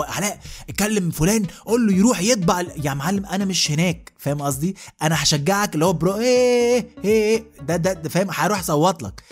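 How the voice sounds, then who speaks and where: An Egyptian man in his thirties delivering a comic rant as a podcast host, asking "you know what I mean" again and again. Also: sits high. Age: 30s. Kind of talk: comic monologue.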